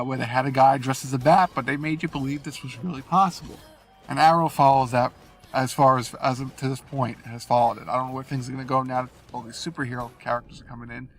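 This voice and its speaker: Nasal and congested from a cold, this man hosts gaming videos and rambles casually over gameplay while driving, often apologizing. His voice sits at medium pitch with a creaky edge.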